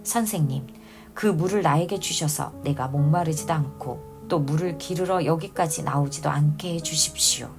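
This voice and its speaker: A woman reading the lines of a Samaritan woman at a well, in a plain, even reading voice. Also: low-pitched, moderate pace, music in the background. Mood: questioning.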